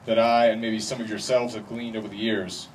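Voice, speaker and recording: A man delivering a best man's wedding speech in a wry, deliberate way with pauses for effect. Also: on the low side, level tone. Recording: distant mic, noisy live event ambience.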